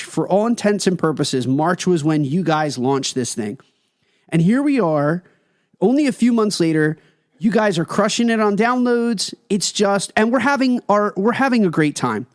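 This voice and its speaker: High-voiced energetic man hosting a podcast. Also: no echo, studio quality. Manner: energetic, joking, enthusiastic. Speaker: podcast host.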